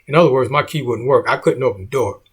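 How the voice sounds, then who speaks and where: A man's voice: mid-range voice, fast, breathy edge. A middle-aged man, a comedian, telling a story in a laid-back way and saying "man" often.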